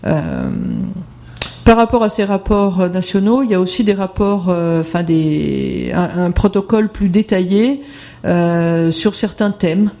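Halting slide presenter, fry in the voice, warm and dark, lots of hesitations. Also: medium pitch, animated. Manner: hesitant, many filler sounds. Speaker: conference presenter.

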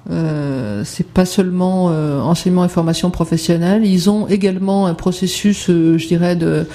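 Halting slide presenter, fry in the voice, warm and dark, lots of hesitations. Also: mid-range voice, steady tone. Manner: hesitant, many filler sounds. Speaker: conference presenter.

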